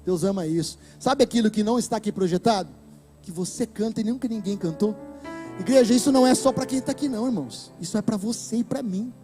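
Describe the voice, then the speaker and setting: A man with a Brazilian Portuguese accent preaching a sermon to a church, impassioned and breaking into shouts. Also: high voice, fast talker, soft background music. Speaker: pastor. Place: church hall.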